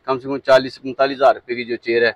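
A young man from Pakistan, a shopkeeper, giving an eager, persuasive sales pitch outdoors in a warehouse yard on a lapel mic. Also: flat delivery, fast talker, dry recording. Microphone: clip-on lapel mic.

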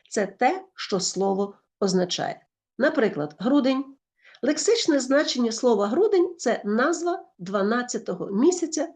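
A woman with a Ukrainian accent, explaining a school lesson in a lively way and correcting herself often. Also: fairly high pitch. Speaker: teacher.

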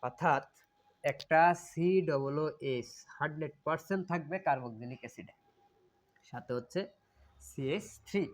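Male chemistry tutor, slightly high voice, repetitive question-and-answer delivery. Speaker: chemistry teacher. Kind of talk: classroom lecture.

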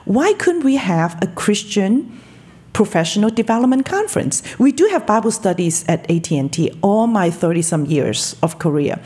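A woman's voice: mid-range voice, big pitch swings, moderate pace, a little mellow, slightly rough. A woman in her fifties from Hong Kong, a guest in a podcast studio, talking earnestly and with enthusiasm into a studio mic. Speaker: guest, telecom marketing director. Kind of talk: interview conversation. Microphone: studio mic on boom arm.

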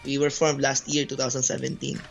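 The band's bassist, a native Tagalog speaker from the Philippines with a Filipino accent, gives hesitant interview answers in a completely flat, brisk, medium-pitched voice with vocal fry. Music plays behind the dull, lo-fi call recording.

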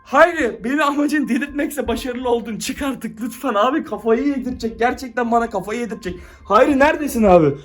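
A man's voice: very high voice, fast talker, few pauses, faint music behind. A young man vlogging at home into a handheld camera, frantic and exclaiming, constantly talking to his viewers. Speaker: YouTuber. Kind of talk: staged excited vlog.

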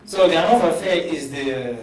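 Speaking at normal speed in a slightly high voice, a professor on a conference panel earnestly makes his point in a South African English accent, often repeating words along the way. His handheld mic is captured from a distance in a roomy hall.

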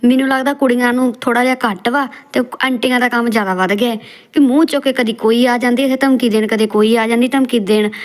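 A woman's voice: fairly high pitch, steady tone, fast. A woman roasting video clips in a scolding, mocking tone. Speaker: roast commentator.

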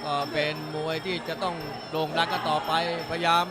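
A man with a high voice delivers excited boxing commentary on a live Muay Thai fight. He calls the action as it happens, with loud music playing behind him. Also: a little fast.

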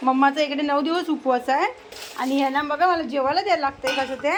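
A high-pitched woman, talking to her animals in sing-song baby talk, coaxing them and scolding them fondly. A faint hiss of background noise sits under her voice, with dogs heard now and then. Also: fast. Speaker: vlogger feeding pets and strays.

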